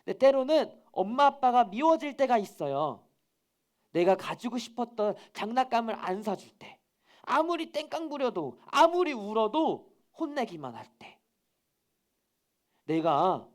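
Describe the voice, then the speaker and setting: Lively woman giving a children's sermon. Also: medium pitch, measured pace. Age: adult. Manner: animated storytelling with sudden whispers. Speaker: children's ministry preacher.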